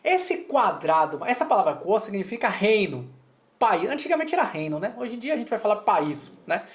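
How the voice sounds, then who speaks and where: A Brazilian woman teaches a Mandarin class, chatty and explanatory. She keeps checking in with her listeners as she breaks each point down. Her voice sits at a middling pitch. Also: big pitch swings, moderate pace. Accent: Brazilian Portuguese. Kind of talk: co-taught language lesson.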